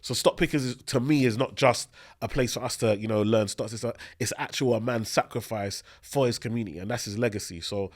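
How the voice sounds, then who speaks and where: A man's voice: mid-range voice, brisk. A man with a London accent co-hosting a podcast in casual, informal and earnest chat. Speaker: podcast co-host.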